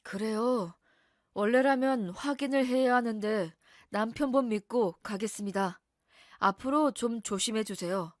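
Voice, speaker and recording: Woman voicing a male police officer, polite, formal, calm, dry sound. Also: a little high, measured pace, dry recording, lightly acted.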